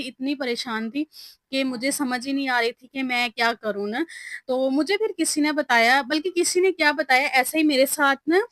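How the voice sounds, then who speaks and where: A woman's voice: sits high, fairly bright tone, no echo. A woman vlogger, chatting casually and telling personal stories about faith with many fillers. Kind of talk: casual religious advice talk.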